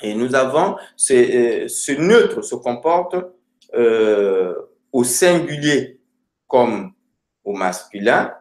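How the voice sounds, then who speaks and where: A man explains grammar to a student at an unhurried pace, pausing and hesitating often as he searches for words. His voice sits at a middle pitch and rings out in an echoey room. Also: animated, a little mellow. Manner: slow, hesitant, many fillers. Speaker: Romanian language teacher.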